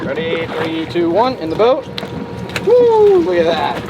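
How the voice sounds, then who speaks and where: A man with a fairly high, expressive voice talks at normal speed, and the audio sounds dull. He's hosting a fishing show outdoors on a boat at sea, addressing the camera in a casual, enthusiastic, exclamatory way over heavy wind and motor noise.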